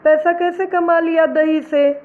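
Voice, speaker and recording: Woman putting on a shrill, greedy daughter-in-law. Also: little pitch movement, measured pace. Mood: eager. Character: quarrelsome young daughter-in-law, greedy and demanding. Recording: tinny phone-like recording.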